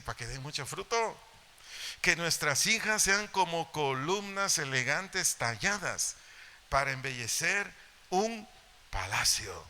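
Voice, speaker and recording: A middle-aged pastor with a Mexican Spanish accent preaches a sermon to parents in a church hall. His voice is a little high, bright and forceful, and he repeats key phrases and Bible references for emphasis.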